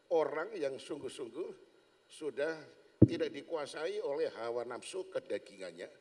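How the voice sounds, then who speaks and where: A male pastor preaching a sermon, telling a story with lively acting and sound effects. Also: medium pitch. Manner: animated storytelling, acting out the characters. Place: large church hall. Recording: long church hall reverb.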